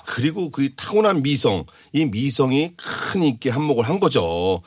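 A man explaining old songs on a radio show in lively casual chat, laughing often. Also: medium pitch, moderate pace, slightly rough, no room sound, clean studio sound. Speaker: music commentator.

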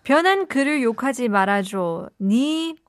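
Playful lady host w a high voice, laughs a lot, dry studio sound. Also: animated, takes it slowly, no room sound. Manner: playful, laughs often, mixes English into her talk. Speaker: radio host. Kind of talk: casual bilingual chat.

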